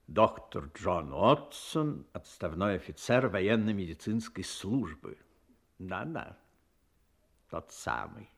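A man's voice: sits low, big pitch swings, slow pace, creaky, full character voice. A man acting a genial, middle-aged retired army doctor in an audio play, courteous and confiding as he narrates and converses. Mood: reminiscing, courteous. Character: Doctor Watson, genial retired army doctor, admiring yet touchy friend. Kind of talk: theatrical radio-play storytelling.

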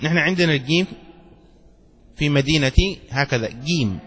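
Male scholar, religious law lecture, high husky voice, long hall reverb, reads text then explains it. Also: normal speed, fairly bright tone. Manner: explains with examples and checks understanding. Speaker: Islamic scholar teaching a text.

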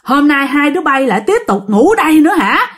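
A woman's voice: high voice, sing-song, fairly quick, pitched above the performer's own voice. A woman voicing an angry soldier ghost. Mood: angry scolding. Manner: gruff scolding, rising shouts.

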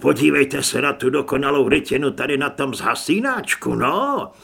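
A man voicing a coarse, hot-tempered thug who talks hoarse and rough in an audiobook. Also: mid-range voice, lively intonation, fairly bright tone, exaggerated voice. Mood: gruff.

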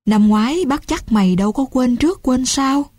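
A woman reading the lines of a kindly middle-aged uncle who speaks gently and later scolds in exasperation. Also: high-pitched, animated, normal speed, dry recording, pitched above the performer's own voice. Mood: scolding.

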